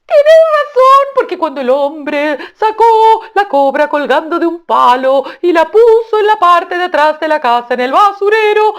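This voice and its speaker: A woman voicing a foolish, excitable male tailorbird who shouts in a shrill sing-song. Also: full character voice.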